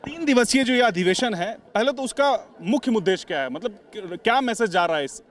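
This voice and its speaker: A man's voice: high-pitched, lively intonation, fairly quick. A man reporting outdoors from a party convention venue, asking probing questions, with frequent fillers. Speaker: news reporter. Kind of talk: on-site news interview.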